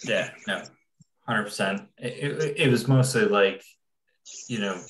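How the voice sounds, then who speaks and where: A man's voice: fairly low pitch, measured pace, echoey room, a little hiss or hum, low-quality recording. A man speaking casually in a video call meeting, thinking aloud and hedging.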